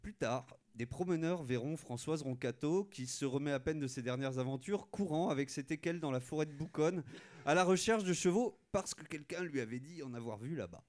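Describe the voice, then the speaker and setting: A man's voice: a little high, lively intonation, brisk. A man narrating a comic radio sketch, wry, with asides to the listener. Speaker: comedian narrator.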